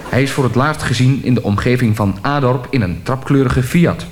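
A man's voice: medium pitch, moderate pace. A man delivers a formal police bulletin in stiff, official announcer style. A faint bed of noise sits under the voice. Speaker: mock news announcer.

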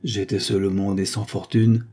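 A man reading the part of a melancholy young governess accused of a crime, speaking in an audiobook. The voice sits low and dark, with a husky grain. She speaks with sorrow but steadies into firmness. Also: flat delivery, moderate pace. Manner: sorrowful, then firm.

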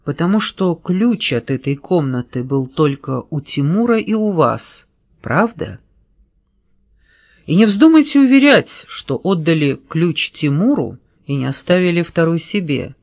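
A man reading a sharp-witted male private detective in an audiobook, pressing a suspect with sarcastic questions. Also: on the high side, lively intonation, unhurried, vocal fry, dry recording, studio quality.

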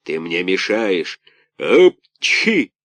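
A man doing a gruff bellowing puppet master. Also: fairly low pitch, lively intonation, no echo. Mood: angry shouting. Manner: loud, slow, barking shouts. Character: huge bearded puppet master, gruff, bad-tempered, sneezing.

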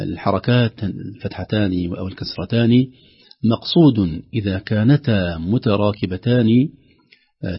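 Husky-voiced man teaching Quran recitation. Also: fairly low pitch, lo-fi sound. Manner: slow, emphatic demonstration of recitation. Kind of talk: tajweed lesson with call-in students.

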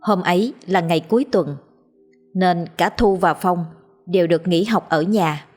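A woman narrating a story in a measured, expressive reading voice. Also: on the low side. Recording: soft background music.

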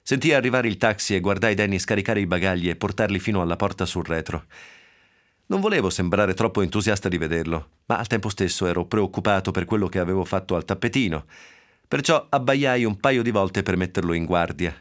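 Deep-voiced man reading a novel on radio. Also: expressive, brisk. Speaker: reader. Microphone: radio studio microphone.

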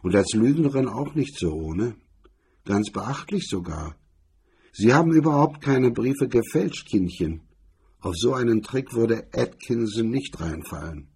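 A man's voice: medium pitch, expressive, measured pace, darkish tone, breathy edge, exaggerated voice. A man reading the part of a cool, sneering male blackmailer, in a mocking, condescending tone. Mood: teasing. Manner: mocking, condescending, hard-edged.

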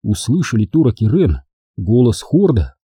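Man, audiobook narrator, expressive, lively intonation, dry studio, husky. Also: medium pitch, normal speed, no room sound. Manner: expressive, dramatic reading.

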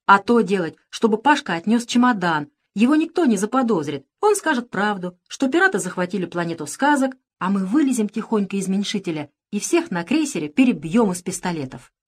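A woman's voice: mid-range voice, big pitch swings, brisk, hardly any pauses. Woman doing a mocking cunning pirate. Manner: mocking, condescending. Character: cunning grumbling male pirate Rat. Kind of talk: audiobook character voice.

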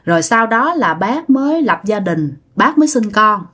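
A woman's voice: medium pitch, sing-song, normal speed, bright, forceful tone. A woman telling a ghost story in a chatty way, speaking straight to her listeners. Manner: chatty, addresses listeners directly. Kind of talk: casual ghost-story narration.

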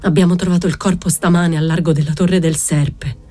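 A woman's voice: fairly low pitch, steady tone, a little fast, dark tone, soft background music, lightly acted. A woman reading the lines of a grave older fisherman chief in a storybook reading. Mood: somber.

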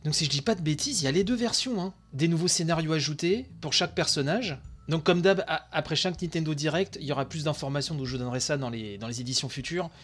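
A tired man with a young son hosting a games channel, giving excited live reaction commentary late at night, with lots of fillers and outbursts. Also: fairly high pitch, fast talker, breathy edge. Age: adult with young son. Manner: excitable, chatty, many fillers. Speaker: video game channel host.

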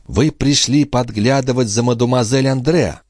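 In an audiobook, a man voices an indignant young maid who threatens and reproaches, so the mood is threatening. His mid-range, slightly mellow voice moves at normal speed, pitched above his own but close to an everyday voice. The studio-quality recording has no echo.

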